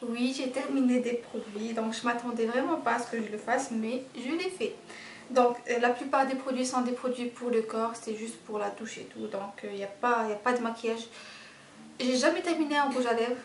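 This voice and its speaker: A woman's voice: a little high, moderate pace, far from the mic. Chatty young woman, echoey room. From Belgium. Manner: chatty, hesitant with frequent fillers and restarts. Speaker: beauty vlogger. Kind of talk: casual product review vlog. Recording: echoey room, off-mic, noticeable noise.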